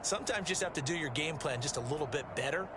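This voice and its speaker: A man's voice: fairly high pitch, lively intonation, fast talker, close to an everyday voice. A man playing a thoughtful football colour analyst in a video game, explaining in a conversational way. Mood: explanatory. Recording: very loud stadium noise behind.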